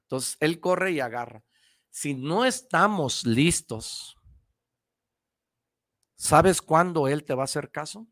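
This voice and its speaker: A man hosts a motivational radio talk with a bright, forceful voice and a pitch that climbs and falls a lot. He talks slowly, repeating phrases and speaking straight to the listener. The sound is dry and close. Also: expressive, no room sound. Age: adult parent. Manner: preachy, repetitive, addresses the listener directly. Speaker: radio host giving motivational advice.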